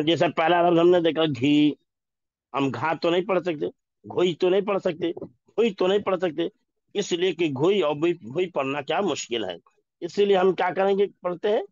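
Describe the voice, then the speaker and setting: A man teaching an Urdu lesson, sounding out each word slowly and asking questions to check that his students follow. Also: a little high, no room sound, lo-fi sound. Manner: slow, repeats each word and asks questions. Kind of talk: classroom lesson.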